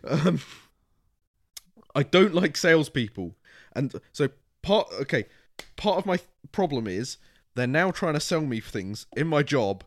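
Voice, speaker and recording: A British man co-hosting a casual chat podcast, animated and ranting, often laughing and acting out what people said to him. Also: a little high, a little slow. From Britain. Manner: animated, ranting, laughs a lot, acts out quotes. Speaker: podcast co-host.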